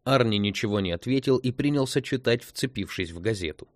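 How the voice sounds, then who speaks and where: A man narrating an audiobook in a measured, even reading. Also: mid-range voice, no echo, clean studio sound.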